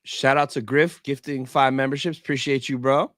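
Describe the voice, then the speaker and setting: Man, medium pitch, casual podcast host, informal slang, repetitive emphasis, dry recording without room echo. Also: steady tone, moderate pace, fairly bright tone. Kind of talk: casual chat.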